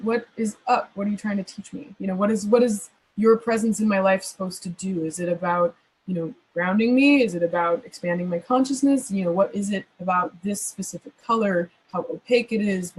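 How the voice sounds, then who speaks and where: A woman's voice: mid-range voice, slightly rough, low-quality recording. A woman guest in a question-and-answer session, answering at length in a thoughtful, rambling way with many fillers. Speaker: astrologer guest. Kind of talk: conversational Q&A answers.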